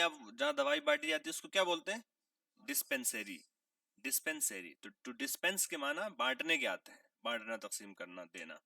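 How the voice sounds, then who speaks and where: Guy teaching vocab, asks stuff and answers it himself, gravelly sharp voice, mic kinda far off. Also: high-pitched, no room sound, clean studio sound. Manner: asks questions and answers them himself, repeating key words; clears his throat now and then. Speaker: English teacher. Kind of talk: classroom vocabulary lesson.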